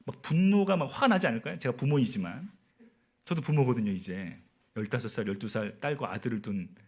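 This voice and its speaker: A man's voice: mid-range voice, slightly rough. A man in his forties, a missionary telling a personal story in a sermon and often asking the audience questions. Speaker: missionary preacher. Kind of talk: sermon at a prayer meeting.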